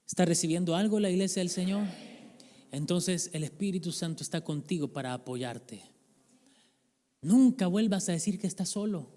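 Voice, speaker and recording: A man's voice: high-pitched, normal speed, warm tone. A male pastor preaching a sermon in a church, in a conversational manner, joking with and questioning the congregation. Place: church sanctuary. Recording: reverberant church hall.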